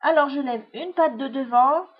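A woman's voice: high voice, moderate pace, close to an everyday voice. A woman voicing a small, friendly, curious female mouse in a storybook reading, on a dull lo-fi recording. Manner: chirpy, eager questions.

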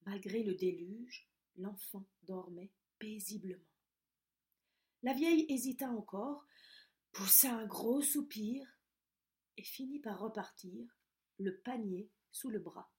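Slow, gentle female storyteller. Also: medium pitch. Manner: gentle, slow, dropping to a soft hush. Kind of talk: reading a children's story aloud.

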